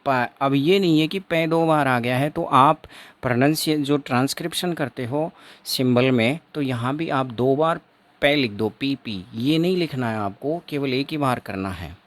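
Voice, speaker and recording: A man's voice: medium pitch, normal speed. A man teaching an exam-prep phonetics lesson, repeating each sound and example several times.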